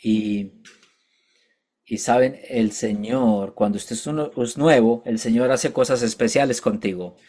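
Halting male preacher telling his testimony. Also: medium pitch, mellow. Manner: halting, with frequent restarts and self-corrections; addresses listeners directly with asides. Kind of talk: sermon with personal testimony.

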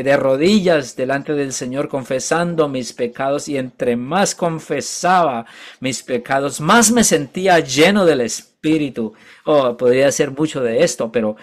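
A male preacher shares his conversion story in a sermon at a medium, ordinary pitch. He talks haltingly, often breaking off and correcting himself mid-word. He keeps turning to his listeners with asides. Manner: halting, with frequent restarts and self-corrections; addresses listeners directly with asides. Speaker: preacher giving his testimony. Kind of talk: sermon with personal testimony.

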